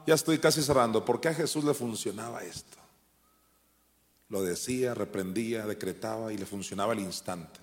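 A man preaching a sermon, swinging from shouted commands down to quiet, low asides. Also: normal speed. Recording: long hall reverb.

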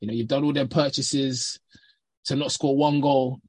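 A man's voice: mid-range voice, steady tone, normal speed, a little mellow, dry recording. A man with a London roadman accent chatting informally and slangily as a panellist on a football podcast. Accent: London, urban slang. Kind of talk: casual football chat.

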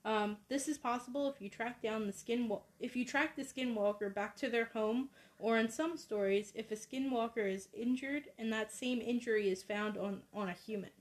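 A woman's voice: on the high side, moderate pace. A woman co-hosting a casual podcast, talking in a hesitant, hedging way with frequent ums. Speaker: podcast co-host.

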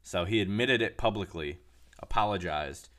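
A man giving casual political commentary alone, sarcastic and mocking, with many halting fillers and restarts. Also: sits low, fairly bright tone.

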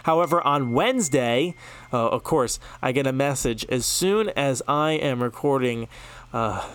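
A man's voice: mid-range voice, a little slow, fairly bright tone, smooth. A man hosting a solo sports news podcast, reading headlines in a loose, chatty way with frequent ums and asides. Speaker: podcast host.

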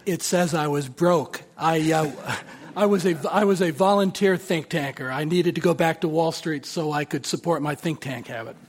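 Male panelist, fairly high pitch, casual and self-deprecating stage banter. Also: normal speed, breathy edge. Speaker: debater, economics fellow.

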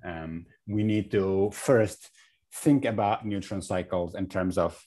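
A man from Egypt, a guest in a podcast interview, speaking in a halting way with many fillers and restarts. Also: deep voice, dark tone. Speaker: guest, regenerative agriculture advocate.

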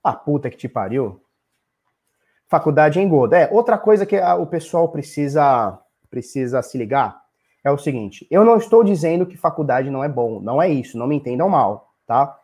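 A man's voice: a little high, lively intonation, moderate pace, darkish tone, breathy edge. A man in his thirties with a Brazilian Portuguese accent, a live streamer ranting bluntly to his chat, swearing freely and repeating his points, a little tipsy. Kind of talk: casual profane rant.

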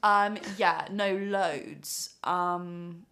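A woman's voice: lowish voice, fairly even intonation, extremely slow, bright, forceful tone. A young woman from Surrey with a posh home counties accent, chatting casually and confessionally in a wry, self-mocking way. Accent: posh home counties English. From Surrey, England.

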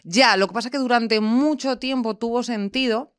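A woman's voice: a little high, moderate pace, smooth, no echo, clean studio sound. A woman who is a guest on a podcast, chatting casually and bluntly, swearing freely and laughing often.

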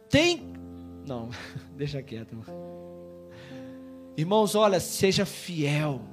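A man preaching as a pastor, exhorting the congregation and swinging between loud emphasis and soft asides. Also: high-pitched. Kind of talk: sermon.

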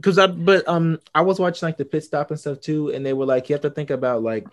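A man co-hosting a casual chat, rambling quickly with lots of fillers and the odd swear. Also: a little high, fairly even intonation, dry recording, studio quality. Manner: rambling, fast, filler-heavy, swears freely. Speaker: podcast co-host.

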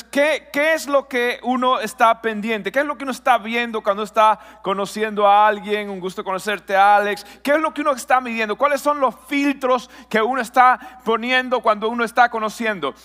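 A man preaching a lively sermon as a pastor, asking his audience questions and joking with them. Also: extremely high pitch, long reverb tail. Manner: lively, talks with an audience, asks questions and jokes.

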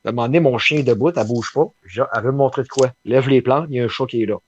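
A man's voice: medium pitch, racing, highs cut off, slight background noise. A man with a Quebec French accent chatting casually on a podcast, hesitant and full of fillers. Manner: hesitant, many fillers and restarts. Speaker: podcast co-host. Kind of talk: casual conversation.

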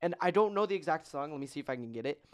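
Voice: mid-range voice, lively intonation, rapid-fire. Podcast host, casual chat, jokey, rattles off lists, lots of ums. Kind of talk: casual podcast chat reading competition results.

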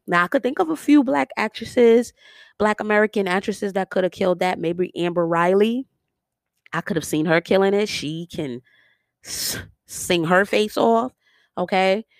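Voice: medium pitch, no echo. New York accent, vlogger, casual opinion commentary, sassy, slangy, dry close sound. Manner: sassy, animated, slangy asides. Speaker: vlogger reviewing a biopic series.

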